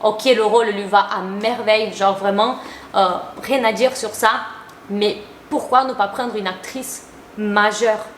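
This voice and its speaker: A woman's voice: mid-range voice, fairly even intonation, a little slow, a little hiss or hum. A young adult woman giving casual, chatty commentary to her viewers, opinionated and full of slang. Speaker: YouTuber. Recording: roomy echo.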